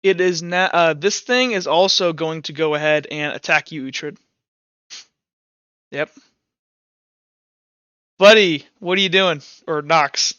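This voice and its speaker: Acting as game master for a tabletop game, a man narrates informally and haltingly with some animation. His voice is high, crisp, pushed and bright, and the dry recording sounds slightly dull.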